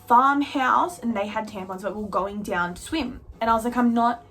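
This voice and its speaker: A young woman vlogger chatting candidly to camera, her voice jumping up high for emphasis. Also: normal speed, a bit bright. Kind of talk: casual storytelling to camera.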